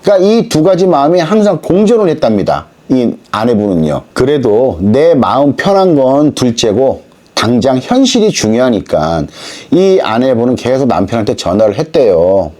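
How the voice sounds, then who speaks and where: A man's voice: medium pitch, moderate pace. A man who manages a divorce law office, telling a client's case as an emphatic story. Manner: animated, emphatic.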